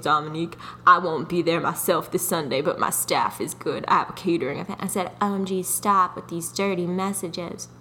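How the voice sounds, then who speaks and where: Lively young woman telling a dating story. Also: fairly low pitch, slight background noise. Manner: animated, self-mocking, laughs often. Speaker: podcast co-host. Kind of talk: casual storytelling chat.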